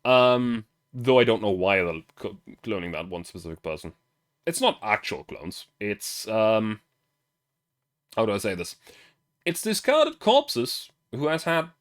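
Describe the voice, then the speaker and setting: A man's voice: medium pitch, big pitch swings, unhurried. A German man with a German accent, streaming as he reads a game's story aloud and chats about it. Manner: chatty, self-interrupting, laughs. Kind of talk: reading game story aloud with commentary.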